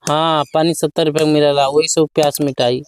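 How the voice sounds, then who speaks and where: A man's voice: sits high, a little slow, fairly bright tone. A man playing a drunken, stubborn village husband in a comedy sketch, muddled, repetitive and scolding in an Awadhi accent. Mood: demanding, belligerent. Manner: town drunk's muddled, repetitive, belligerent talk. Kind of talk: rural comedy sketch acting. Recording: noisy background with clicks.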